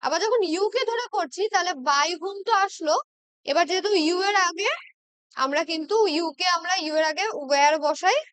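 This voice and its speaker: A woman with a Bengali accent teaching an exam-prep English lesson, patiently checking in with her students and reading example sentences out slowly. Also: very high voice, a bit bright, no echo. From West Bengal, India. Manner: patient, checks in with "ঠিক আছে?" constantly.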